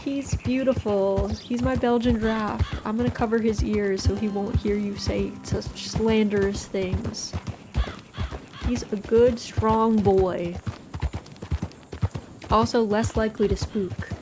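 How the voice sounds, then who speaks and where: A woman's voice: mid-range voice, fairly even intonation, takes it slowly. An American woman chatting casually on a game livestream in a chilled, cozy way. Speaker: game streamer. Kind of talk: casual livestream chat over gameplay. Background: game music, horse hooves and animal sounds.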